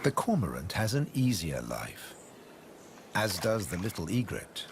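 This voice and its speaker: A man narrates a nature documentary in a low voice. His delivery is scripted and measured, shaped by dramatic pauses and a lively, wide-moving intonation. Music plays clearly behind him. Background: background music.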